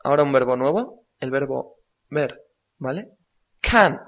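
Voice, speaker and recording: A man's voice: mid-range voice, normal speed. A man teaching a language lesson on the radio, patiently repeating words for his student to practice. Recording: dull lo-fi recording.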